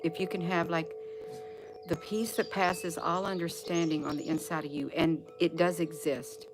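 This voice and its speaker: A woman's voice: fairly low pitch, steady tone, normal speed, music in the background. A woman hosting a casual live stream outdoors, talking to viewers in a folksy way and repeating phrases for emphasis. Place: outdoors on a porch. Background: wind chimes and birdsong.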